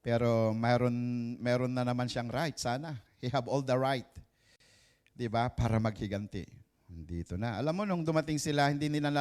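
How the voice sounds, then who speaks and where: A man's voice: mid-range voice, darkish tone. A pastor preaching a live sermon in church, switching between Tagalog and English and often calling out to the congregation for an "Amen.".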